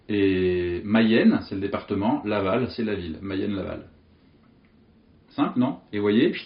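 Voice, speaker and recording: A man teaching memory techniques in an animated, jokey way, telling vivid picture stories. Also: fairly low pitch, roomy sound, dull audio. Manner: lively, animated, jokey storytelling with vivid images. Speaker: memory coach. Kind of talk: explanatory teaching monologue.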